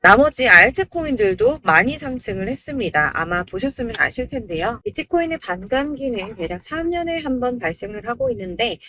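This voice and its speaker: A woman hosting a crypto channel, reading a scripted promotional narration in a brisk, salesy pitch to subscribers. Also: big pitch swings, bright, forceful tone, a little hiss or hum.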